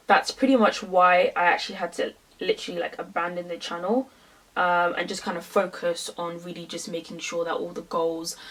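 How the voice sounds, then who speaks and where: Recorded poorly from a distant mic, this beauty vlogger speaks in a lowish, fairly bright voice. She's an Englishwoman in her twenties from London, and her London-accented makeup tutorial is casual chatter packed with fillers.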